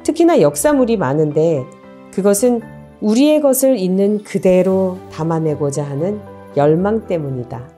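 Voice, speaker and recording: Brief: female documentary narrator, formal, dark tone, faint music bed. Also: fairly low pitch, animated, moderate pace. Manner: smooth, formal reading. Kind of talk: scripted narration.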